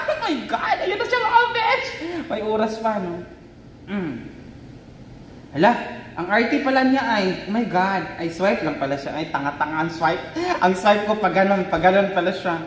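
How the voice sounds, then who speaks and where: A woman with a Filipino accent giggling and exclaiming excitedly as she unboxes a phone in a casual vlog. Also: mid-range voice, distant mic, a little hiss or hum. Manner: excitable, giggly, mixes Tagalog and English. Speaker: vlogger. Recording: echoey room, faint ambience.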